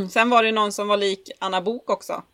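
A woman's voice: mid-range voice, steady tone, no echo. Giggly woman podcaster, dry sound. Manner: giggly, laughs often while telling stories. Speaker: podcast co-host. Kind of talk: casual chat.

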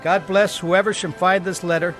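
A man's voice: high-pitched, fairly even intonation, moderate pace, over loud music. A man reading a letter aloud.

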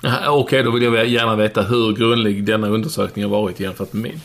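A man's voice: on the low side, fairly even intonation, creaky, a bit bright. A man co-hosting a casual podcast, bantering and arguing his points emphatically in a mock-serious way. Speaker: podcast co-host.

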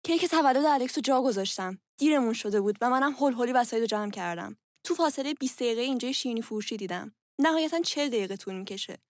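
A woman's voice: fairly high pitch, expressive, few pauses, dry recording, clean studio sound, natural voice. Woman playing a tall bossy mother. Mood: hurried. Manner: calls out loudly to her family. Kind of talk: audio drama acting.

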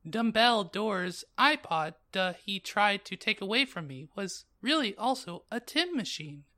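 Moody goth teen girl, high and drawn-out, slow and theatrical, as a man puts her on. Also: expressive, sharp tone, exaggerated voice. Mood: dramatic. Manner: high exaggerated girlish put-on voice. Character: gothic teenage girl narrator, dramatic and moody.

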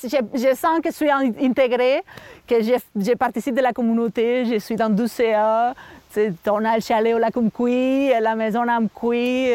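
Catalan-accented woman, high and dry. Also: mellow, clear, resonant tone, no room sound. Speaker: guest. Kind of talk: interview testimony.

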